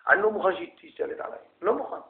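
A man's voice: high voice, expressive, phone-quality sound, pitched above the performer's own voice. A man voicing a stubborn young husband who insists he will not wash dishes. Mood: defiant. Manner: insistent, self-justifying.

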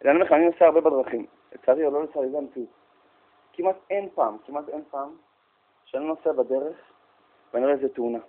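A man giving a humorous storytelling talk, animated and jokey, speaking straight to his listeners. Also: a little high, pauses often. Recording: tinny phone-like sound.

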